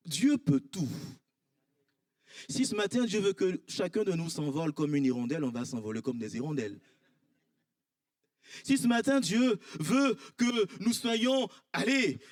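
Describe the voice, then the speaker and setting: Animated Ivorian pastor preaching a sermon. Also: male voice, no room sound, clean studio sound. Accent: Ivorian French. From Ivory Coast. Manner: animated preaching, swinging from high emphatic cries to low quiet asides. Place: church.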